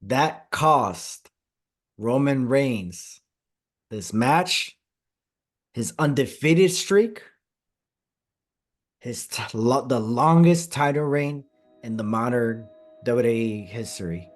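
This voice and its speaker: A man hosting a wrestling podcast, chatting excitedly and stressing his points, his voice a bit hoarse. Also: medium pitch, slow, long pauses, faint music behind. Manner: excited, emphatic, repeats phrases. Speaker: podcast host. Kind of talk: casual podcast chat.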